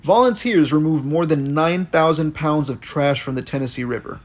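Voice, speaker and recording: A man's voice: fairly high pitch, moderate pace, a little hiss or hum. A man co-hosting an informal chat, reading out items and commenting in slangy, loose language. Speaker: podcast co-host.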